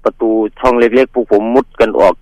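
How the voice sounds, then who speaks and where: A man from northeast Thailand telling the host a ghost story from his village in a halting, polite way, pausing and repeating words. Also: a little mellow, no room sound, poor audio. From Northeast Thailand, Mekong riverside. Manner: polite, addresses host as older brother. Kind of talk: casual spoken storytelling.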